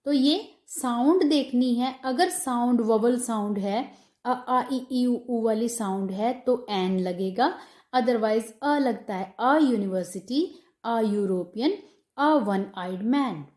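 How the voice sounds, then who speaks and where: Slow, echoey Indian woman teaching grammar. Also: on the high side, darkish tone. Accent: Indian English. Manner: explains slowly in mixed Hindi and English, reading English rules aloud. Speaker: English teacher. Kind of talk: classroom grammar lesson.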